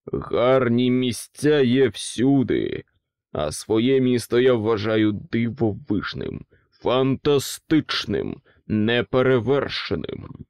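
A hulking, sour-faced king, as a male narrator puts him on, roaring every word in a slow, heavy boom. The voice swings widely in pitch, and the sound is dry and close. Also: lively intonation, darkish tone, clean tone, dry recording. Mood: booming, imperious. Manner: slow booming bellow.

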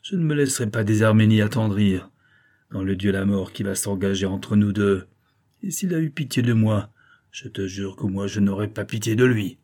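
A raging, vengeful older banker father , as a male reader puts him on in a storybook reading. The voice is low, dark and husky, breaking into shouts and unsteady cries. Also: normal speed, natural voice. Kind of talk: audiobook character reading.

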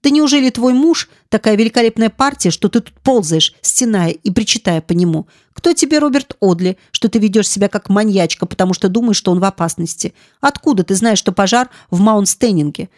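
A woman's voice: mid-range voice, lively intonation, fairly quick, hardly any pauses, darkish tone, dry recording, studio quality, lightly acted. A woman voicing a cold, ruthless noblewoman who speaks harshly and commands in an audiobook. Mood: cold scorn. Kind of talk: audiobook dialogue.

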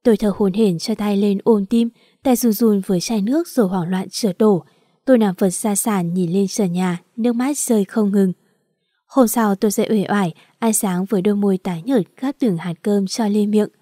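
A woman with a medium-pitched voice narrates a first-person audiobook story at a normal, even, steady pace. Her tone is mellow and soft-edged, and the close recording is dry with no room sound.

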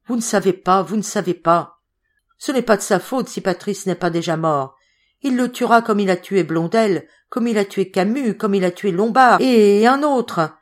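A woman's voice: medium pitch, pitched above the performer's own voice, natural voice. A woman voicing a delirious, wounded young woman who pleads frantically, in an audiobook reading.

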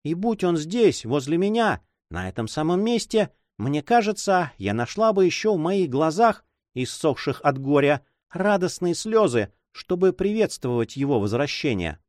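A man's voice: on the high side, sing-song, moderate pace, hardly any pauses, a little mellow, no room sound, studio quality. A man reading aloud, voicing a grieving noble lady who speaks in sighs and tears. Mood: sorrowful. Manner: sighing, tearful delivery.

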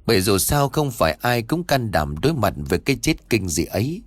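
A man's voice: on the low side, brisk, dry recording, clean studio sound. A man narrating a scripted horror story and voicing its characters himself. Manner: lively, voices the characters' dialogue himself.

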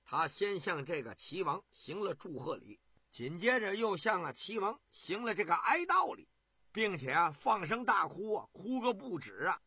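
A man telling a traditional story on radio in a lively, colloquial way, with asides to the listeners. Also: high voice, normal speed, breathy edge, no echo. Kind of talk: pingshu storytelling. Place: radio studio.

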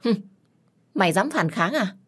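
A woman voicing a drunken, abusive middle-aged father who shouts and curses with contempt. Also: medium pitch, lively intonation, a little slow, breathy edge, voice pushed up. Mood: furious contempt.

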